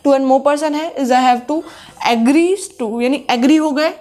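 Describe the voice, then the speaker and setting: A woman a high voice works through a commerce lesson. She mixes in as she explains, and she keeps posing questions that she answers herself. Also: slow, mellow. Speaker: commerce teacher. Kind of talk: classroom lecture.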